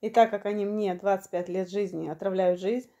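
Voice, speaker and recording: A woman around fifty from Ukraine, telling a long personal story in a vlog, unhurried and matter-of-fact, slightly short of breath. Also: mid-range voice, fairly even intonation, warm tone, muffled recording. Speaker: vlogger.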